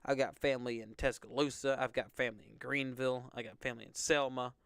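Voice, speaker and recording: A man's voice: mid-range voice, fairly even intonation, fast, creaky, fairly bright tone, clean tone, no room sound. A young man from Alabama, hosting live weather coverage in a casual, rambling way with lots of fillers. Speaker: weather stream host.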